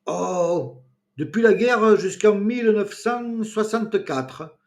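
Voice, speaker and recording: Brief: man playing a prim old lady, drawn-out syllables, storybook reading. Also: mid-range voice, darkish tone, pitched above the performer's own voice. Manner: slow, syllable by syllable. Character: prim elderly twin sister, precise.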